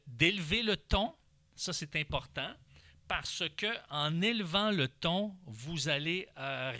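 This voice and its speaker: A man's voice: a little high, no room sound. A man with a Québécois accent giving instructional parenting advice, now and then acting out what parent and child say. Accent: Québécois French. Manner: animated, briefly acts out parent and child lines. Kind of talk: instructional talk.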